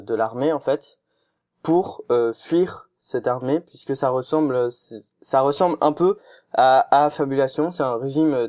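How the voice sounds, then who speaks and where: A man giving a casual review, slow and searching for his words. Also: mid-range voice, a little mellow. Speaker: podcast reviewer.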